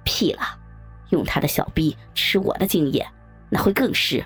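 A woman voicing a group of crude, boastful young men in a low, gruff put-on voice. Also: moderate pace, soft background music, full character voice. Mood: leering.

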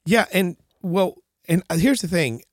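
A man's voice: high voice, unhurried, no room sound, studio quality. A man with a congested, nasal voice hosting a podcast, chatting casually and emphatically, often repeating himself to make a point. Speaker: podcast host. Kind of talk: casual co-hosted podcast chat.

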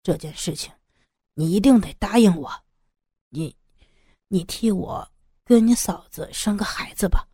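A woman's voice: mid-range voice, measured pace, pauses often, warm tone, breathy edge, no room sound, studio quality. A woman voicing a desperate middle-aged man who sighs heavily and stammers through his pleas, in an audiobook story. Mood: pleading. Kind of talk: audiobook character voice.

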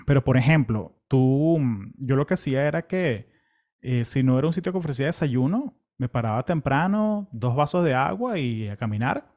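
A young man from Venezuela with a Venezuelan Spanish accent, casually recounting a long walking pilgrimage in a relaxed, chatty way full of fillers and restarts. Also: medium pitch, normal speed. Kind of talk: casual travel storytelling.

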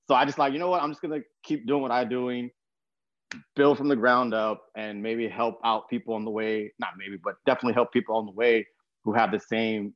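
Casual, slangy, and rambling, a young American from Texas hosts a podcast in a conversational manner. He has a medium-pitched voice, recorded dry with a slightly muffled feel.

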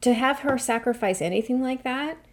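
A woman's voice: sits high, brisk. A woman co-hosting a podcast in casual chat, speaking earnestly and building to impassioned points. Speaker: podcast co-host.

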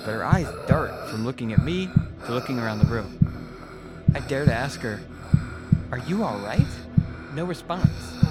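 A man's voice: mid-range voice, poor audio. A man telling a scripted first-person horror story as its narrator. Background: music.

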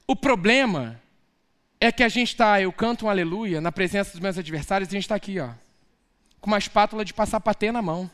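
A Brazilian man preaches with a high, bright-pitched voice. He tells stories animatedly and swings up into shouted peaks. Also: brisk. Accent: Brazilian Portuguese. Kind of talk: lively sermon.

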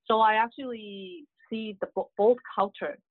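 This earnest guest is a middle-aged real estate agent from Hong Kong with Cantonese as her first language. Her medium-pitched voice has fairly even intonation and normal speed, recorded dry over tinny phone audio, as she gives casual interview answers full of "you know."

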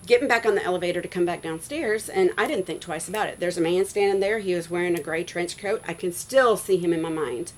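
A woman in her forties recounts a story in a relaxed interview, her voice sitting a little low. She talks in an animated, loose way, peppered with "like" and "you know.". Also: fast talker, hardly any pauses, rough recording. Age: 40s. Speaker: guest, schoolteacher.

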